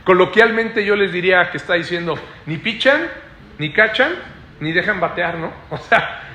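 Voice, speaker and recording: A man preaching a Bible study sermon, explaining slowly and repeating phrases while he keeps checking in with his listeners. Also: high voice, lively intonation, pushed and bright, a little hiss or hum. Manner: keeps adding questioning "¿no?" tags to the listeners. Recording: echoey room.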